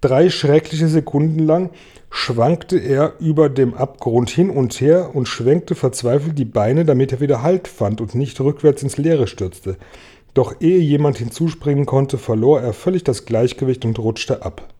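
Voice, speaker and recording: A man reading a children's book aloud, with expressive storytelling. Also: mid-range voice, a little slow, husky. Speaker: reader.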